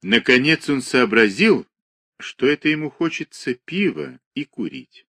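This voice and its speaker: A man narrating a literary audiobook with an expressive, dramatic reading. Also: mid-range voice, a little slow, no echo.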